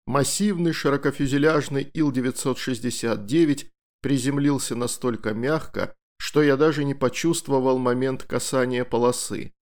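A male audiobook narrator with a medium-pitched voice. He reads scripted first-person fiction in a measured manner, enunciating each phrase clearly.

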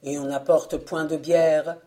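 A woman voicing an impatient, gruff old father who demands his beer. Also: extremely low pitch, animated, slow pace, darkish tone, pitched below the performer's own voice, full character voice. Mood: impatient demanding.

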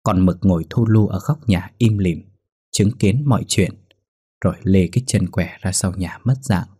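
A man narrating a ghost story in a steady, somber manner. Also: sits low, normal speed, slightly rough.

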